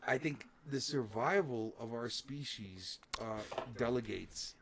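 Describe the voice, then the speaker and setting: A man's voice: medium pitch, takes it slowly, a bit bright. Stammering man in his thirties, noisy mic. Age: 30s. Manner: stammers and restarts when pushing back. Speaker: podcast co-host. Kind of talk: casual chat.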